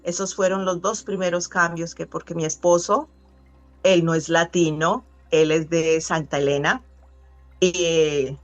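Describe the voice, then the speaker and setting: Earnest middle-aged woman, lowish voice. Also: steady tone, soft background music. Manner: earnest, reflective, with frequent pauses and restarts. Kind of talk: conversational interview.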